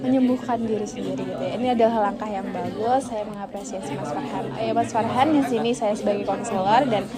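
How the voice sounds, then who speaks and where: She talks fast with hardly any pauses, her voice sitting in the mid-range. This young woman is a student counselor who asks questions politely and reassuringly in a counseling session, recorded in a busy public hall full of loud chatter.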